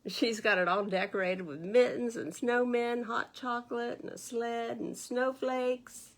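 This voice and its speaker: A woman with an American accent hosts a storytime for young children, reading a picture book aloud with animated, teacherly asides and questions for her listeners. Her voice sits on the high side and is a little slow.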